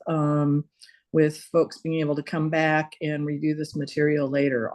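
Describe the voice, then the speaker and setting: A woman hosting an online town hall over a video call, chatty, with many fillers and restarts. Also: on the low side. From not from Georgia.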